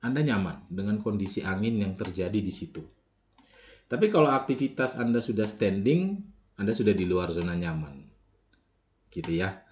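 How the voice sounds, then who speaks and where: Low-voiced man explaining software steps. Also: muffled recording. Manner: explains step by step, frequent filler tags and self-corrections. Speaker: software tutorial instructor. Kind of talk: screen-recorded software walkthrough.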